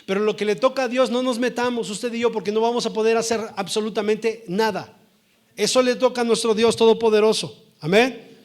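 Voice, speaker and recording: High-voiced male pastor preaching. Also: a little fast. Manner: lively preaching, asks the congregation for amens. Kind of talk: sermon. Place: church.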